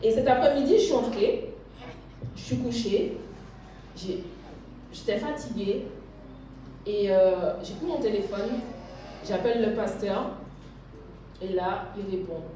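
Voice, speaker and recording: A woman's voice: medium pitch, a little slow, long pauses, warm tone, slight background noise. A woman telling her faith testimony as a church member, hesitant and searching for words, often restarting, sometimes laughing. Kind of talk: spontaneous spoken testimony. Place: church hall. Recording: echoey room, mic at a distance.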